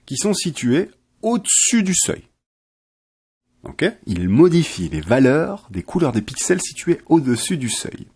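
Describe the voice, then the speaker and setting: A man explaining software step by step in a chatty, self-correcting tutorial style. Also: a little high, husky. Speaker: software trainer. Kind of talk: screen-recorded software tutorial.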